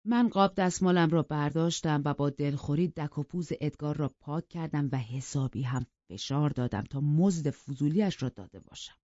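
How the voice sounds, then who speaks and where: An audiobook narrator reading a novel in an even, calm and soft-spoken way. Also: medium pitch, few pauses, no room sound. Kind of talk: scripted storybook narration. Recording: dull lo-fi dry recording.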